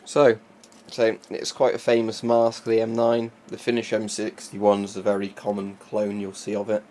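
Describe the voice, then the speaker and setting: Man, lowish pitch, casual demonstration, unscripted presenter, slight background noise. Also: monotone, normal speed, mellow. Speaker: presenter showing military gas masks. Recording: faint background noise, amateur recording.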